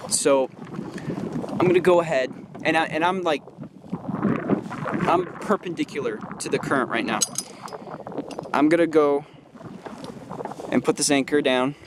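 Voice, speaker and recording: In a casual instructional voice-over and on-water demo, a young man who makes DIY videos describes a homemade kayak anchor, some of it from his kayak on a lake. He speaks a little high and a little slowly, pausing often, with fillers and restarts. The audio is very noisy.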